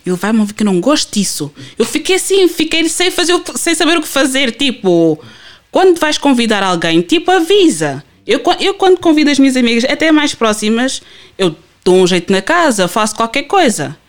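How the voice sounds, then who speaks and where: A podcast guest, telling stories in an animated way with many fillers. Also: high voice, moderate pace. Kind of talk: casual podcast chat.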